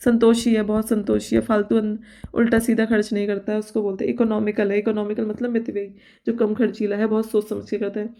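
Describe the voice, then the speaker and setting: Woman teaching vocabulary in a flat voice. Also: medium pitch. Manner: explains by listing synonyms, checks with "theek hai"; reads English example sentences slowly and deliberately. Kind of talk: exam-prep vocabulary lesson.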